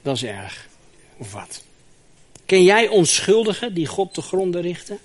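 A man preaching a sermon in a lively, emphatic way, asking the congregation rhetorical questions. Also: high-pitched, unhurried. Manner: lively and emphatic, with rhetorical questions and a recurring "zeg maar" filler.

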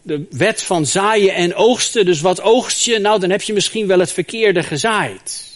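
High-voiced man preaching a sermon. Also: unhurried. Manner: lively and emphatic, with rhetorical questions and a recurring "zeg maar" filler.

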